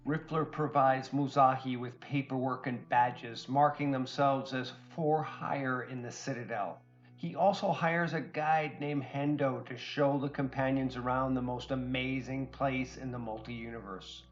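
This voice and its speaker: A man narrating a tabletop game recap as game master, in measured, even storytelling. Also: medium pitch, highs cut off, soft background music.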